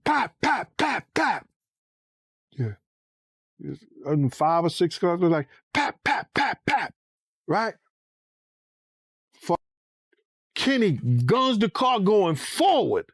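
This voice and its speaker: A former bodyguard telling a story in a casual interview, animated and profane, acting out the voices he quotes. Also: sits high, slow pace, pauses often, husky, dry recording, clean studio sound.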